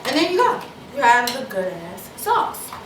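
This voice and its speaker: A woman's voice: fairly high pitch, huge pitch swings, unhurried, noisy background. A woman hosting her own cooking show, chatting casually as she mixes and tastes in a home kitchen, often repeating herself. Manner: casual, chatty, repeats herself, talks with mouth full while tasting. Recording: echoey kitchen, mic at a distance, clatter of dishes.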